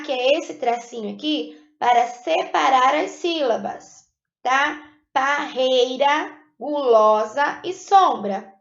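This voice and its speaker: A woman teaches a recorded lesson, walking through each point patiently and checking in often. Her voice sits high with a gravelly edge. The sound is echoey and a bit dull, like a plain room on a lo-fi mic. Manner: patient, explains step by step and keeps checking in with "tá?".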